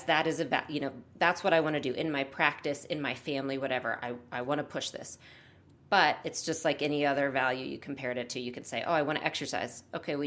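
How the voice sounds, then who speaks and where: Enthusiastic low-voiced woman host. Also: fairly bright tone. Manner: enthusiastic, affirming. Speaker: podcast host. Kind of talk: podcast interview.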